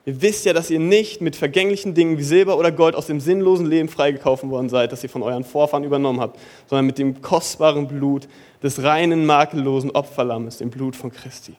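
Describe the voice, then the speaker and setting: A young man preaching a sermon in a casual, youthful way, dropping in English slang and moving between lively bursts and soft, slow passages. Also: fairly high pitch. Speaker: pastor.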